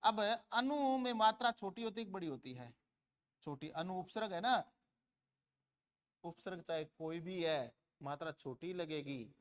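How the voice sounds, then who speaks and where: A man from India teaches a grammar lesson in a high voice. He asks his students questions and answers them himself, repeating words to contrast their sounds. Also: expressive, a little slow.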